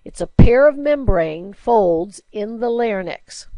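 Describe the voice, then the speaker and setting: Warm in tone, she takes it slowly with lively intonation as she teaches a recorded slide lecture; the sound is dry and lo-fi. This chatty woman teacher explains through everyday examples and questions, and by her own account has a low alto singing voice.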